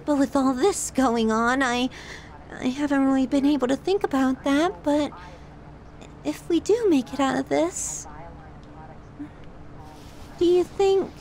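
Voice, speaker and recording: In an ASMR audio drama, a woman plays a lovesick young yandere who is clinging and possessive. Her high-pitched voice is slow and intimate as she addresses a silent lover, tender and confessional, fragile yet quietly menacing.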